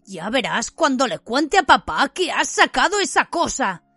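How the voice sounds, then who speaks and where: A woman's voice: sits high, very animated, moderate pace, sharp tone, no room sound, clean studio sound, pitched above the performer's own voice, heavily acted. A woman narrating an audiobook, voicing a boastful, cowardly teenage boy who taunts his cousin and whines mockingly. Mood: taunting. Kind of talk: audiobook character voice.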